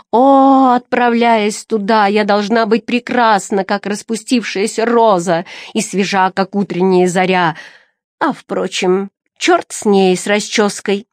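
A woman voicing a crazed, shaggy-haired female prisoner, slightly hoarse, breaking into shrill, excited outbursts in a storybook reading. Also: no echo, clean studio sound.

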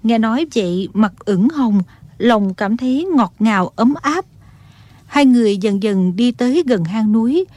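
A woman narrating an audiobook in an even storytelling manner. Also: fairly high pitch, unhurried, dry recording.

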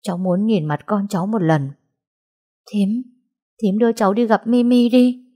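A woman's voice: medium pitch, moderate pace, warm tone, voice pushed up, close to an everyday voice. A woman voicing a grief-stricken young mother in an audiobook, crying out and pleading. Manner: screaming, sobbing pleas. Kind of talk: audiobook dialogue.

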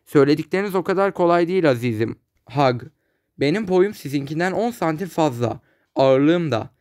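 A man's voice: a little high, fairly quick, no room sound, clean studio sound, close to an everyday voice. A man doing a smug cool young man. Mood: mocking. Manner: calm, mocking, condescending.

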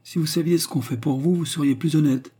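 A man's voice: fairly high pitch, fairly quick, mellow, husky, voice pushed up. A man voicing a drunk, menacing police agent who speaks with mocking, cold tenderness in a storybook reading. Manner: mocking, coldly tender threats.

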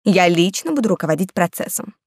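A woman voicing an emotional, excitable older noblewoman in an audiobook. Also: on the low side, a little fast, dry recording, studio quality. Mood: excited. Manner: excited, sentimental.

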